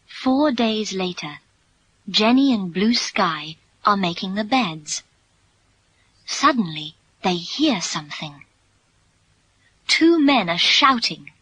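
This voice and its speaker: Woman, British English accent, audiobook narration for learners, bright voice, lively pitch. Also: no room sound, poor audio. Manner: slow, clear, expressive storytelling. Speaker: audiobook reader.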